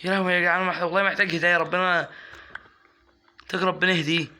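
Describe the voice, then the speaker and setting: A young man with an Egyptian Arabic accent giving casual gameplay commentary, coaxing and scolding his in-game pet and breaking into excited yelps. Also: high-pitched, rapid-fire. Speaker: gaming YouTuber.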